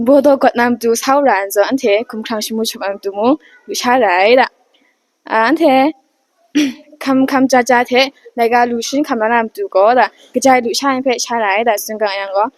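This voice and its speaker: A woman giving an unhurried talk, often pausing and hesitating. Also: fairly high pitch, no echo.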